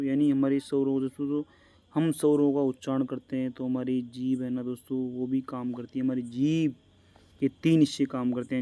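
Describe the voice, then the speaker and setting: A man's voice: medium pitch, dark tone, clear, resonant tone, no room sound. A man teaching an exam-prep grammar lesson, who asks his own questions, answers them, and keeps calling his listeners friends. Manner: stretches vowels slowly to demonstrate them.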